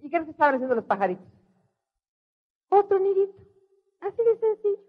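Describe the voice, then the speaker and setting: A middle-aged woman with a Mexican accent giving an animated motivational storytelling talk, acting out voices. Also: very high-pitched, a little fast. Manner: animated, acts out quoted voices. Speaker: motivational speaker. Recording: dull lo-fi recording.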